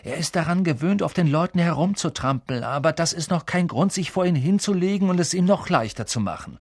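A man's voice: fairly high pitch, animated, a little fast, no echo, studio quality, voice pushed up. A man doing Ron, a grumbling schoolboy. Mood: urging. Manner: gruff, grumbling.

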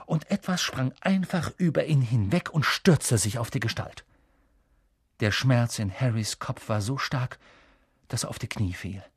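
Steady male audiobook narrator. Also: mid-range voice, husky, no echo, clean studio sound. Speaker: audiobook reader. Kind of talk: scripted narration.

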